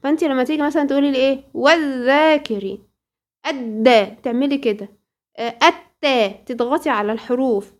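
High-voiced Egyptian woman teaching recitation. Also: fairly even intonation, a little mellow. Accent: Egyptian Arabic. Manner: drills words in slow drawn-out recitation, asks rhetorical questions. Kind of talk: tajweed lesson to girls.

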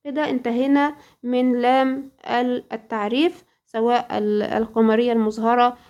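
A woman with an Egyptian accent teaching Quran recitation rules to girls, drawing out example words slowly and asking questions she then answers. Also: a little high, flat delivery, darkish tone. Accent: Egyptian Arabic. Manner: drills words in slow drawn-out recitation, asks rhetorical questions. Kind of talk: tajweed lesson to girls.

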